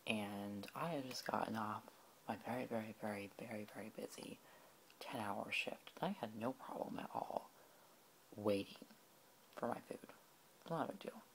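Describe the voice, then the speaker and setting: Soft-spoken tipsy man rambling. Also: lowish voice, moderate pace, slight background noise. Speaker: ASMR creator. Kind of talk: soft-spoken ASMR storytelling.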